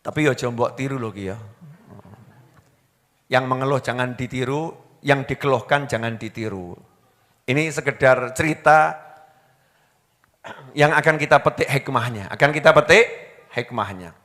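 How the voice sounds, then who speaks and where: A man's voice: medium pitch, moderate pace, pauses often, a bit bright. A man with a Javanese Indonesian accent preaching a humorous sermon, acting out quoted husbands and wives and putting questions to his audience. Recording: reverberant hall.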